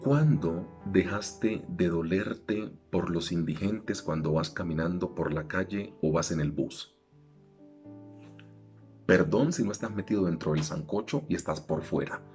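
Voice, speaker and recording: Deep-voiced pastor preaching over soft guitar. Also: male voice, a little slow. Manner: conversational preaching with sudden emphatic rises. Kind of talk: sermon.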